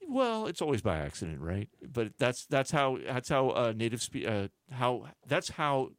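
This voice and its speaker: A man hosting a radio music show, chatting casually and back-announcing songs in a relaxed, rambling way full of fillers. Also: medium pitch, moderate pace, no room sound. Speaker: radio DJ host.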